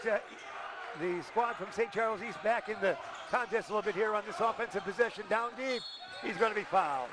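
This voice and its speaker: Older play-by-play announcer, high bright voice, excited calls, gym crowd around him. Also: male voice, background noise. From Illinois. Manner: rapid excited calls, chatty asides. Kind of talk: high school basketball play-by-play.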